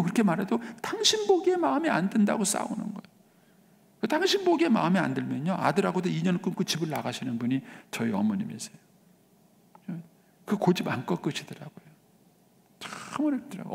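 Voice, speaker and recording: A man's voice: fairly high pitch, vocal fry. Emphatic middle-aged man preaching. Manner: emphatic preaching, swings between raised exclamations and hushed whispers. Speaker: pastor. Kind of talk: sermon. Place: church sanctuary. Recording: reverberant church sanctuary.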